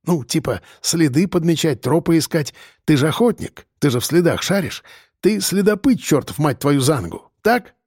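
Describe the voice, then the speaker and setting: A man's voice: a little high, expressive, normal speed, darkish tone, slightly rough, no echo, clean studio sound. A man voicing a scheming, streetwise male convict who talks in slang and presses with questions. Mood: cocky.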